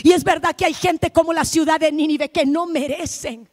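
High-voiced impassioned woman preacher. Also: steady tone, normal speed. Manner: impassioned, swings between shouting and hushed tones. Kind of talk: missionary sermon.

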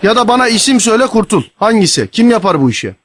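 A man's voice: high voice, sing-song, quick pace. A man who hosts a radio show, making a prank call as a stern official who threatens the caller while holding back laughter. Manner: bossy, threatening, stifling laughter. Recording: noisy radio broadcast.

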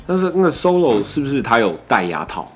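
A man's voice: medium pitch, big pitch swings, fast, soft background music. A young man with a Taiwanese Mandarin accent chatting casually as a podcast guest, playful and talkative, often repeating himself. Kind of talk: casual chat.

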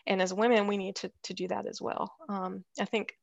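Gravelly-voiced woman, dry close sound. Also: medium pitch, level tone, a little fast, no echo, muffled recording. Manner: thoughtful, many fillers and restarts. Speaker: podcast guest, architect and firm founder. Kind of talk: casual interview conversation.

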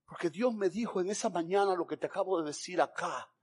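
A man from Cuba, preaching a sermon as an evangelist, telling his story dramatically with sudden swings between loud and hushed delivery. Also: high voice, quick pace, husky.

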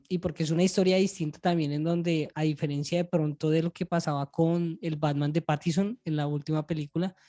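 A man with a Colombian accent hosts a podcast, chatting casually and informally in a review format and phrasing things a little hesitantly. His pitch is fairly high and his tone dark.

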